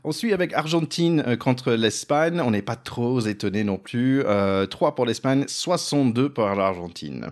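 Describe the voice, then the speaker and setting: A man's voice: medium pitch, lively intonation, measured pace, hardly any pauses. Chatty man hosting a podcast. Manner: chatty, fills with "en fait", laughs easily. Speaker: podcast host. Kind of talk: casual podcast chat.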